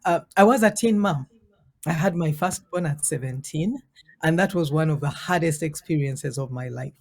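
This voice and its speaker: A woman in her forties who grew up in Uganda tells her story as a guest on an interview show. She talks in an earnest, thoughtful way and slows down on key words to stress them. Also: sits low, darkish tone. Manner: earnest, reflective, drawn-out emphasis. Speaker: guest, parenting coach.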